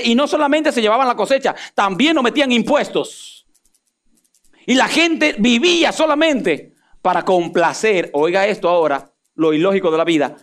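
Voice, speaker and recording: A man preaching a sermon, swinging from loud emphatic peaks down to low asides. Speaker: pastor.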